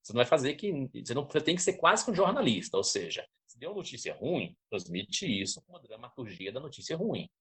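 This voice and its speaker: A man's voice: medium pitch, fast, few pauses, husky. A man from Brazil, teaching a lecture on public speaking, often checking in with his listeners. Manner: didactic, checks in with listeners, lively emphasis.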